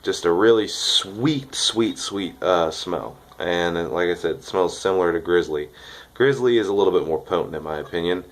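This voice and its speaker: A young man with a deep voice, stuffed up from a cold, chats cheerfully at a moderate pace in a casual vlog. He's reviewing dip tobacco, rambling upbeat and leaning heavily on filler words.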